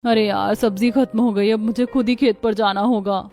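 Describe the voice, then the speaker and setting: A woman's voice: on the high side, fairly even intonation, normal speed, mellow, natural voice. Woman playing a meek young daughter-in-law. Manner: meek, apologetic.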